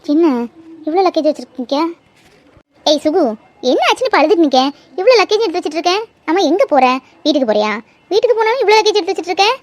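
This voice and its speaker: A woman's voice: very high-pitched, lively intonation, fast, long pauses. Woman doing a bossy cartoon aunt. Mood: surprised. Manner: scolding, bossy. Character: middle-aged aunt, scolding but protective. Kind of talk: cartoon voice acting.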